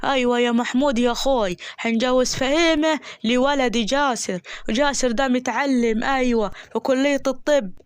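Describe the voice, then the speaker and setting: A woman with an Egyptian accent voicing a calm, traditional older village father. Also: high-pitched, fairly quick, clean tone, no room sound, close to an everyday voice. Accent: Egyptian Arabic.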